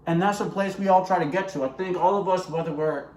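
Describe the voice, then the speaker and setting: A man's voice: high voice, quick pace, a little mellow. A man earnestly sharing his personal faith testimony to camera and talking straight to his viewers. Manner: earnest, conversational, addresses viewers directly. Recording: roomy echo with faint ambience.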